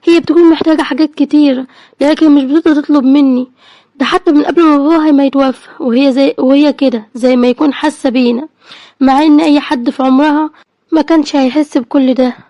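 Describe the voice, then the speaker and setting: A woman with an Egyptian Arabic accent voicing a poor, worried widowed mother who speaks softly and pleads. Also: high-pitched, steady tone, quick pace, dry recording, highs cut off, lightly acted.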